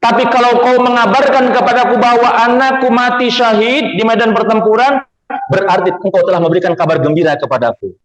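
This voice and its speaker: A man's voice: very high-pitched, brisk, heavy reverb, big-room sound, distant mic, voice pushed up, low-quality recording. A male preacher voicing a mother in a retold story, speaking in a raised, pleading tone. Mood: earnest pleading. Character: grieving mother proud of a martyred son.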